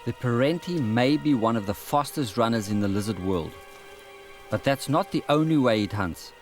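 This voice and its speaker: A man reading scripted first-person documentary narration in a measured, reflective way. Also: medium pitch, animated. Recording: narration over music.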